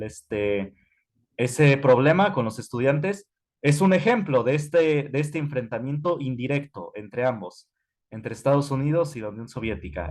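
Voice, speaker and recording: A man's voice: mid-range voice, darkish tone. Man teaching history. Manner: conversational, frequent fillers and self-corrections. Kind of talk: online class lecture while typing notes.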